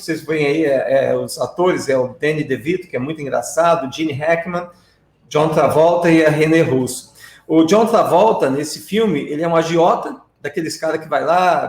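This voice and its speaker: Here an English teacher with a Brazilian Portuguese accent leads a live-streamed lesson, breaking things down step by step and checking in with viewers using tag questions. His voice is on the high side with a darkish tone, and the sound is reverberant.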